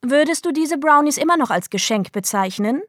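Storybook mom: woman narrator voicing an exasperated, commanding mother, sharp and firm, dry close sound. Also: high voice, animated, fairly quick, no room sound, voice pushed up. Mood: stern.

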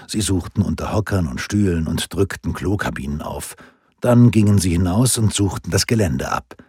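A man reading a novel aloud as an audiobook narrator, with an expressive, varied storytelling delivery. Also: fairly low pitch, slightly rough, no echo, studio quality.

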